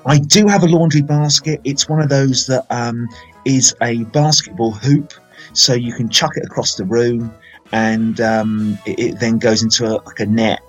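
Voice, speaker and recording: A husky-voiced man in his forties rambles through casual film chat on a live podcast, circling back with plenty of ums. His pitch sits in an ordinary middle range. Faint music plays behind him. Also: steady tone, moderate pace, dull audio. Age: 40s. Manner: rambling, chatty, many fillers.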